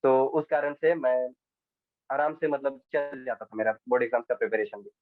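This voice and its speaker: A man's voice: medium pitch, steady tone, normal speed, dry recording. Teenage boy on a tinny call. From India. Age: teens. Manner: hesitant, restarts, mixes in English phrases. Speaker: interview guest, exam candidate. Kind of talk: casual interview answers. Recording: tinny dry phone-like line.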